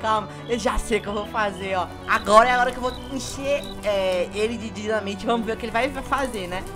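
A young Brazilian gaming host talks in a fairly high, light voice while he narrates his plans. He sounds playful and scheming, giggling to himself along the way. Game music plays clearly underneath. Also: quick pace. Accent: Brazilian Portuguese. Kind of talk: casual gameplay commentary.

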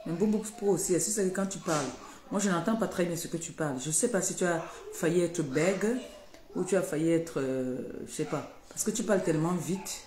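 A woman's voice: fairly low pitch, a little fast, darkish tone. Woman ranting threats on a live stream. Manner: confrontational, threatening, repeats warnings. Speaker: streamer addressing followers. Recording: echoey room, faint background noise.

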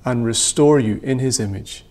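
A man in his thirties leading worship as a priest, reading prayers in a measured, solemn way in a small church room. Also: medium pitch, a little mellow. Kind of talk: liturgical reading.

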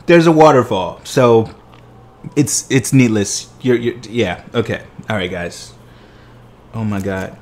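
Speaking slowly in a low, slightly mellow voice, this thirtysomething man films a dessert tasting vlog from his living room. He chats casually and savors each mouthful with obvious, exuberant joy.

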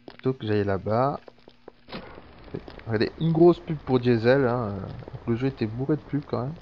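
A man's voice: medium pitch, moderate pace, slight background noise. Chatty swearing French let's-play man. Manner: chatty, swears a lot, thinks aloud. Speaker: gameplay commentator. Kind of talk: casual let's-play commentary. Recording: dull lo-fi sound with faint background ambience.

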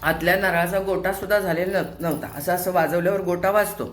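A woman's voice: fairly low pitch, steady tone, quick pace, roomy sound. An older woman, host of a home vlog, chatting casually while cooking, asking rhetorical questions and scolding in a homely way. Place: home kitchen.

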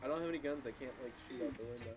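A man's voice: mid-range voice, racing, a little mellow, a little hiss or hum. A young man hosting a casual let's play, teasing his friends and laughing often. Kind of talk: casual gameplay commentary.

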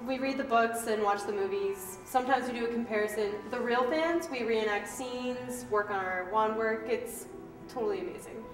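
A woman's voice: a little high, normal speed, close to an everyday voice. A woman playing a bubbly, giggly wizard fan. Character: giggly young wizard club member. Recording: echoey room, mic far off. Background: background music.

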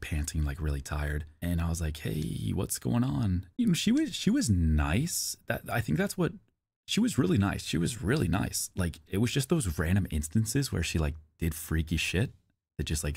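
A man streamer rambles through a personal story, doubling back and repeating phrases and swearing as he goes. His voice sits low with a gravelly fry. The sound is dry and close, with no room around it. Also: very animated, moderate pace, darkish tone, no echo. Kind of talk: casual storytelling.

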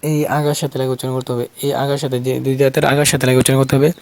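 Male recitation teacher, monotone delivery, patient step-by-step drilling, repeats syllables one by one. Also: mid-range voice, very fast. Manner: patient, explains tongue and teeth placement step by step. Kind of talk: slow drilled pronunciation lesson.

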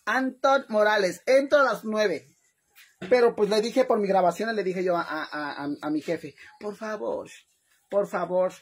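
A woman with a Mexican accent chatting casually on a livestream, talkative and animated, laughing often and calling her viewers "hermanas". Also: medium pitch, moderate pace, slightly rough. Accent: Mexican Spanish. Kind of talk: casual livestream chat to followers.

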